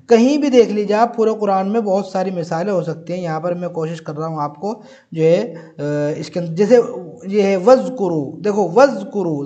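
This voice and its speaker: A man's voice: high voice, dark tone, highs cut off. A man teaching an online grammar lesson, patiently explaining and repeating points, often saying "look" and reciting examples.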